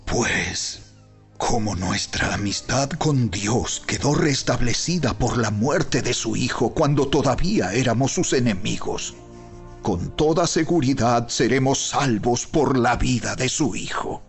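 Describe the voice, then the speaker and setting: A man reading dramatized Bible narration in a solemn, deliberate, emphatic way, with weighty pauses and a gravelly, husky voice. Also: mid-range voice, expressive. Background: background music.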